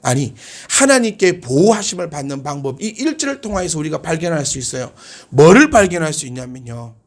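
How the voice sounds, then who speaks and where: A male pastor preaching a sermon, animated and asking his congregation questions. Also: a little high, fairly quick.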